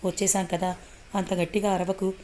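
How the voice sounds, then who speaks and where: A woman's voice: mid-range voice, flat delivery, normal speed, dark tone, a little hiss or hum, lightly acted. A woman voicing a sarcastic, playful young businessman husband. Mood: teasing.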